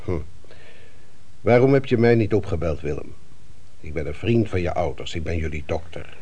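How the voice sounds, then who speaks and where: The role is a family doctor, fatherly yet sceptical, played by an actor in a Dutch radio play, asking deliberate questions punctuated by thoughtful hums. His warm voice sits low, with lively intonation, and the audio is dull.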